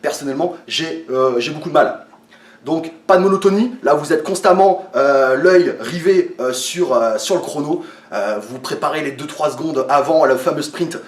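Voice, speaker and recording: A man's voice: on the high side, moderate pace. Guy coaching workouts, kinda tired, lots of uhs, echoey room, far off mic. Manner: hesitant, many fillers and restarts, addresses viewers as friends. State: a little tired. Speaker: fitness coach. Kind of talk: casual explanatory talk to viewers.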